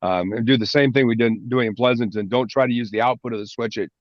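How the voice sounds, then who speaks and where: A man's voice: mid-range voice, quick pace, no echo. A man hosts a casual hobby meetup over a video call, wandering through anecdotes with plenty of restarts. His call audio is dull and lo-fi, and the sound is completely dry. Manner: chatty storyteller, frequent restarts. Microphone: video call microphone.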